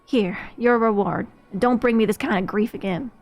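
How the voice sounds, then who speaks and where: A short-tempered bandit boss, read aloud by a woman streamer snaps and scolds in a bright, higher voice. Faint game music plays under the voice. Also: moderate pace, dull audio. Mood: angry. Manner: barking, scolding.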